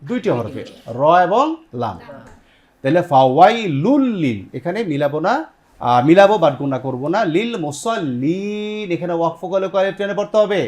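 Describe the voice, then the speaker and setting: This TV host from Bangladesh teaches Quran tajweed, walking through each step, questioning students and repeating their answers back while slowly sounding out the Arabic. He speaks on the high side, slightly mellow, with big pitch swings.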